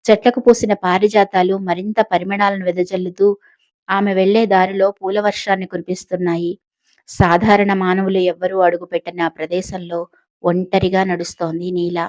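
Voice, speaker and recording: A woman narrating a family drama audio story in a steady, descriptive storytelling manner. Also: lowish voice, normal speed, dry recording. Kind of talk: scripted narration.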